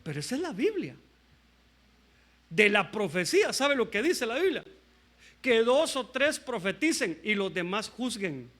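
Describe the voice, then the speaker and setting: A man preaching a sermon as pastor, telling a Bible story in an animated way, acting out the characters' lines and calling listeners "brother". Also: high voice, unhurried, long pauses. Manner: animated storytelling, acts out the kings' and prophet's lines; addresses listeners as "hermano".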